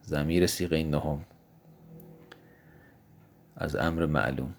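Male grammar teacher, very low voice, patient and methodical, poses questions then answers them. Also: vocal fry. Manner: patient, explanatory, asks and answers his own questions; slows down to spell out example words. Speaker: teacher of Arabic morphology. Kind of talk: recorded grammar lesson.

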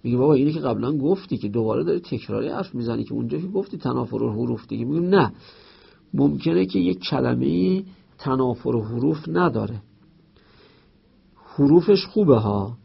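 Gravelly-voiced man teaching rhetoric. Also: mid-range voice, lively intonation, dull audio. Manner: explains with everyday examples and reads out Arabic text. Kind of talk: explaining a rhetoric textbook.

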